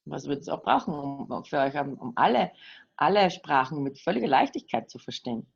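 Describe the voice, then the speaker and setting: A woman's voice: low-pitched, big pitch swings, vocal fry, breathy edge, soft background music. Woman interpreting live, keeps restarting, muffled lo-fi sound. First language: German. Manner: halting, restarts, laughs often. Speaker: interpreter and co-host.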